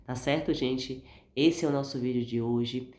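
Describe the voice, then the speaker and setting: A Brazilian woman speaks in a dark, mellow voice, thick with a swollen, inflamed throat from flu. She gives informal spiritual encouragement, earnest and fond of emphatic repetition. The sound is strongly echoey and roomy. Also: very deep voice, fairly even intonation, a little slow. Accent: Brazilian Portuguese. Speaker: vlogger giving spiritual encouragement.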